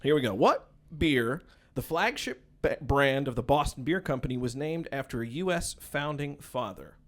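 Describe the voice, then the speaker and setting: A man's voice: mid-range voice, lively intonation, normal speed. A man hosting a casual beer trivia quiz, joking and playful as he reads questions. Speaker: host.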